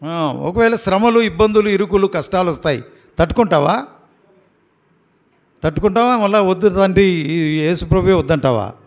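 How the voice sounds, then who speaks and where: A pastor from Andhra Pradesh in a prayer house, firmly and coaxingly questioning baptism candidates one by one. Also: male voice, high-pitched, lively intonation, normal speed, pauses often.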